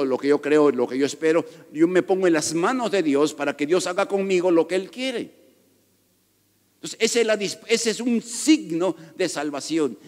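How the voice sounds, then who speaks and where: A man's voice: a little high, a little mellow. A man preaching a sermon as pastor, emphatic and conversational, with joking asides to his congregation. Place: church sanctuary. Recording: reverberant church hall.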